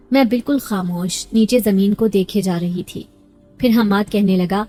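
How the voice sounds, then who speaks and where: A woman narrating a first-person horror story in a steady, suspenseful way. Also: medium pitch.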